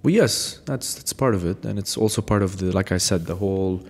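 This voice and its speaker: A man's voice: sits low, brisk, a little mellow. A male podcast host chatting casually, teasing his guest and often stopping to restart his sentences. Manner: teasing, hesitant with many restarts. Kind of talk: casual interview chat. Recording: echoey room with long reverb.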